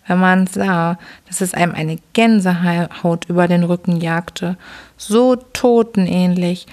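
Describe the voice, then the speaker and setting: A woman hosting a sleep podcast, reading a bedtime story aloud in a soft, slow, whispery voice. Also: lowish voice.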